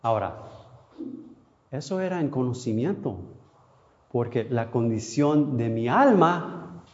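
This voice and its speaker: A man preaching a sermon, emotional, swinging between soft, quiet passages and sudden louder cries, with long pauses. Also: mid-range voice, sing-song. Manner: non-native Spanish, asks how to say a word. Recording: dull lo-fi sound.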